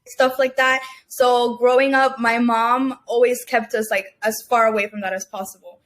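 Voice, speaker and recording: A woman's voice: fairly high pitch, fairly even intonation, moderate pace, fairly bright tone. Chatty young woman from Cuba. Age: young adult. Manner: chatty, many fillers and restarts, laughs often. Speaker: guest entrepreneur. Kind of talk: casual interview chat.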